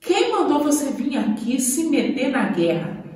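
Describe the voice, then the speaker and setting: A bossy, scornful older brother who brushes off his kid sibling, played by a woman telling a story. The voice rides high and lively, echoing around a big room from a distance. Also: unhurried. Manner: scolding, dismissive. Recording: echoey room, voice far from the mic.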